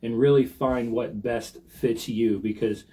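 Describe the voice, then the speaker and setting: A man's voice: medium pitch, fairly even intonation, measured pace, warm tone. American man giving folksy, casual advice. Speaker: show co-host and mortgage lender.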